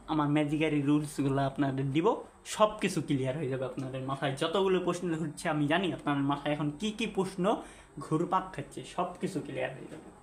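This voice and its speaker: A man teaching a lesson at a whiteboard, repeating and spelling out words and putting questions to the viewer. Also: a little high. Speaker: English teacher. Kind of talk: classroom-style lesson at a whiteboard. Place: classroom or room with a whiteboard. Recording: echoey room with faint background hum.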